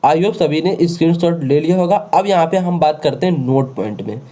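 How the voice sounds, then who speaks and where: Warm and fairly high-pitched, this man speaks at a normal speed as he teaches grammar online. He repeats words again and again, checking on his students with rhetorical questions.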